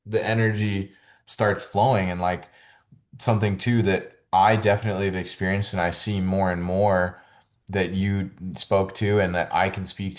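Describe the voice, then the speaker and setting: A man who works as a holistic fitness coach, chatting as a podcast guest in a loose, rambling way full of "like" and "you know", and livening up when he gets excited. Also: sits low. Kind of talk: casual conversational interview.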